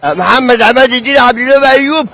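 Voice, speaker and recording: High-pitched shouting Egyptian man. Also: racing. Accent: Egyptian Arabic. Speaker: street interviewee. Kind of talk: comic street rant.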